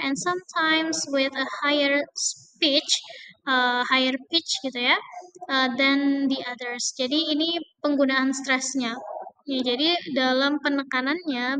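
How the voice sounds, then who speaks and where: High-voiced Indonesian woman teaching pronunciation. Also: bright, forceful tone, muffled recording. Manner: mixes Indonesian and English, hesitant fillers, drawn-out example words. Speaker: English pronunciation lecturer. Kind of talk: recorded lecture explaining word stress.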